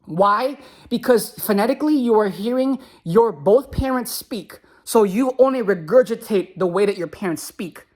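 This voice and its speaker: A woman's voice: mid-range voice, lively intonation, normal speed, few pauses, darkish tone. A woman who speaks Khmer alongside English, delivering an impassioned, preachy monologue to viewers with emphatic repetition.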